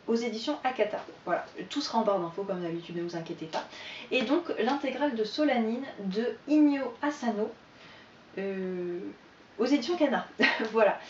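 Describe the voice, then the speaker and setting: A woman's voice: fairly high pitch, a little mellow, a little hiss or hum. A woman chatting casually about books to camera, hesitant, with many fillers. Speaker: book vlogger. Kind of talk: casual book chat to camera. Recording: echoey room, slightly distant, muffled.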